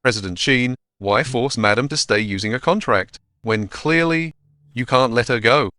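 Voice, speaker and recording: A man's voice: mid-range voice, moderate pace, sharp tone, slight background noise, natural voice. A man playing a frank aide to a company boss in an English-dubbed drama. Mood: urging.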